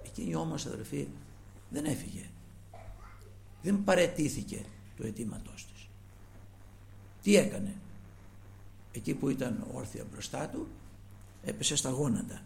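A man's voice: fairly high pitch, lively intonation, vocal fry, pauses often, a little mellow. A man preaching a sermon, earnest and retelling scripture with quoted pleas, often trailing his phrases off to a near-whisper.

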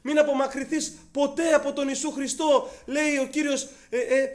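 A man's voice: very high-pitched, little pitch movement. A male preacher giving a fervent sermon, addressing the congregation as brothers, with frequent hesitant fillers.

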